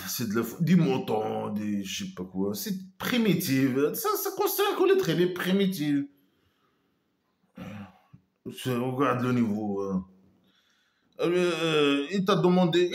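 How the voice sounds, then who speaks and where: A man's voice: mid-range voice, echoey room. A man giving a casual critical monologue, scornful and mocking, hesitating with many trailing asides. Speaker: online commentator.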